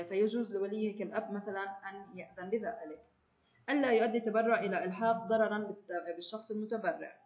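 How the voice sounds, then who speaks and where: A woman teacher talks her students through a recorded lesson at a brisk clip. Her voice sits at an ordinary middle pitch, and she keeps turning to the student directly, with short filler sounds between points. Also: muffled recording.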